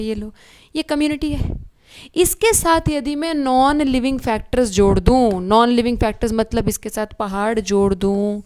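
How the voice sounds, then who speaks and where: High-voiced woman teaching biology. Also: clear, resonant tone. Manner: animated, addresses students as beta, asks checking questions. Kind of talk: online exam-prep lecture.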